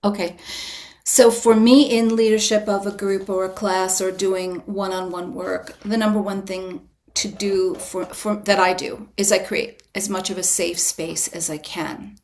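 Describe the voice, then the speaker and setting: Her voice is mid-range, and her manner calm, measured and invitational as she explains her approach on a podcast. A writer who also leads retreats, she offers a reflective interview answer marked by many restarts.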